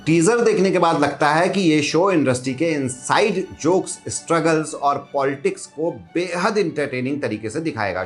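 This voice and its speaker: A man reading a scripted entertainment news roundup in an upbeat, gossipy way. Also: fairly high pitch.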